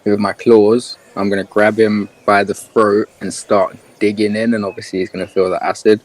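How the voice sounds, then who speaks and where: Guy playing d&d over voice chat, lowish voice, lots of ums. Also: little pitch movement, moderate pace. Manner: casual, thinking aloud with fillers. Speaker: player. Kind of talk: playing a tabletop game.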